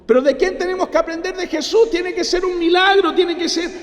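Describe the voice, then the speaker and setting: A Chilean man preaching a sermon as pastor, with dramatic pauses and acted-out quotes. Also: extremely high pitch, fairly even intonation. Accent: Chilean Spanish. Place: church hall. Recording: echoey church hall.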